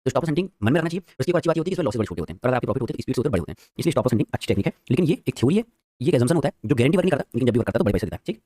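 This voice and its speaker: A man teaching a live trading lesson, quizzing his viewers and talking very quickly. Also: mid-range voice, big pitch swings, dark tone, no echo, studio quality.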